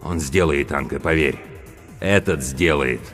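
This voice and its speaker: A man's voice: a bass voice, a little slow, fairly bright tone. A man playing a stern young male squad leader who barks curt, clipped orders. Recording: long reverb with faint music.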